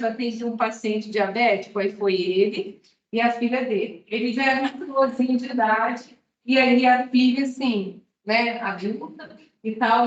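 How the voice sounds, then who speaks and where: A woman teaching a nutrition class, chatting with her students and often checking in with them as she goes. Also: fairly high pitch. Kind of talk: classroom lecture with anecdotes. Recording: echoey room, distant mic, dull sound.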